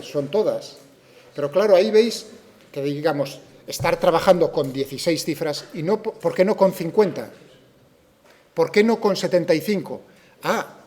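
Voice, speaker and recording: In a physics class, a man with a Spain Spanish accent lectures in a mellow, somewhat high voice. He raises objections students might have, answers them himself, and keeps asking whether everyone is following.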